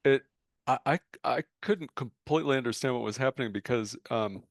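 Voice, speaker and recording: A man's voice: medium pitch, brisk, gravelly, no echo. A man co-hosting a podcast in casual chat, dropping dry, wry asides. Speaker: podcast co-host.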